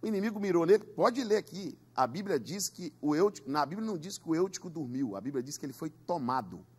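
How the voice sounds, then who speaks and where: A man's voice: on the high side, animated, fast, darkish tone, husky. A man preaching a Pentecostal sermon in a church, emphatic, with call-and-response. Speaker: pastor.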